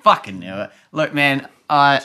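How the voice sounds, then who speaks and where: A man co-hosting a comedy podcast, questioning a guest in a deadpan, mock-serious way. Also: mid-range voice, unhurried. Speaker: podcast co-host. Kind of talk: casual comedic interview.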